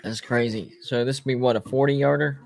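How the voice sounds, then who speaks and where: Chatting casually with viewers during a live sports watch party stream, a man in his late thirties rambles, restarts and leans on "like" and "you know." His medium-pitched voice is brisk, fairly even in intonation and has vocal fry. There's no room sound.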